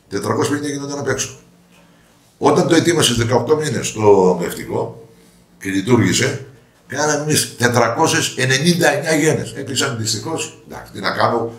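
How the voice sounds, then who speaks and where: A man's voice: medium pitch, fairly bright tone. An older man, a parliamentary candidate, answering interview questions with anecdotes and acted-out quoted dialogue. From Greece. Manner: storytelling, acting out quoted dialogue. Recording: roomy echo.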